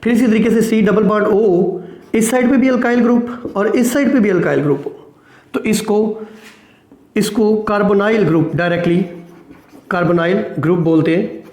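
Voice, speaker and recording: A man's voice: high voice, normal speed, a little mellow, roomy sound. A man teaching a chemistry lesson at a board, asking questions and answering them himself, often checking with "right?" and mixing English technical terms into his speech. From Pakistan. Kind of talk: classroom lecture at a board.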